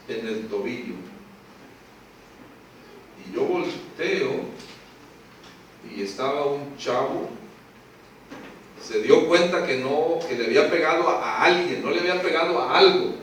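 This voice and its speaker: A man preaching a sermon, emphatic, swinging from hushed to shouting and asking rhetorical questions. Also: on the high side, expressive, slow, long pauses, slight background noise. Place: church hall. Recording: echoey hall, mic at a distance.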